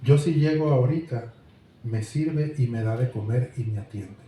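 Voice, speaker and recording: A man's voice: mid-range voice, normal speed, warm tone, voice pushed down, close to an everyday voice. A man voicing a drunken, remorseful husband, speaking. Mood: boastful. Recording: very echoey room.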